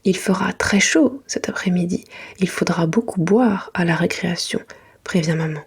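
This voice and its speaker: Lady reading a bedtime kids book in a hushed library whisper, really breathy, lowish, asmr style. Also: moderate pace. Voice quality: breathy, unvoiced. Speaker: storyteller reading bedtime stories for children. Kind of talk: soft whispered children's storybook reading, ASMR.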